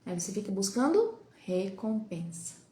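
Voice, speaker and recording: A woman's voice: mid-range voice, sing-song, normal speed, dark tone. Brazilian woman talking in a roomy echo. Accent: Brazilian Portuguese. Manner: conversational, many rhetorical questions and tag questions. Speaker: host of a live talk on child development. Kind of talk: casual live talk to viewers.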